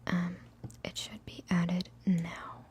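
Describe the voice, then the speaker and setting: A woman's voice: lowish voice, completely flat delivery, slow, a little mellow. A young woman, an ASMR streamer, chatting and answering questions in a whisper, giggly and self-mocking. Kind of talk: whispered live Q&A ramble.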